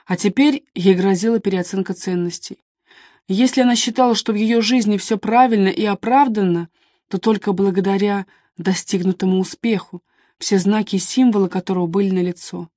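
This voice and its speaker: A woman narrating an audiobook in an even, measured reading style. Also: medium pitch, no echo, clean studio sound. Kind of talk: scripted narration.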